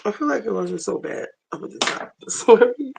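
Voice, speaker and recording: Hoarse woman chatting on a livestream. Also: mid-range voice, big pitch swings, normal speed, darkish tone, a little hiss or hum, rough recording. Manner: chatty, multitasking while cooking. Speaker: livestream host. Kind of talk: casual livestream chat. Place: home kitchen, running water. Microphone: phone camera.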